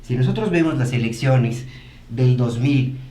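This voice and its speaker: A man's voice: mid-range voice, lively intonation, unhurried, warm tone. A man on a political panel, telling anecdotes hesitantly with many restarts. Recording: roomy echo with faint noise.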